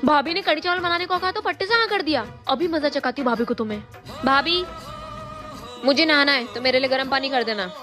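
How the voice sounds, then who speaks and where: A woman's voice: high-pitched, a little fast, bright, forceful tone, faint music behind. A woman playing a sly, scheming sister-in-law. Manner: sly, whiny, plotting. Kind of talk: melodramatic short-video acting.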